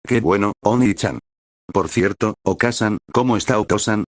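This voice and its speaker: A man's voice: lowish voice, normal speed, no echo, studio quality, close to an everyday voice. A man voicing a young girl, asking worried questions in a storybook reading. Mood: concerned. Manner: concerned, questioning. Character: little girl, cheerful worried sister.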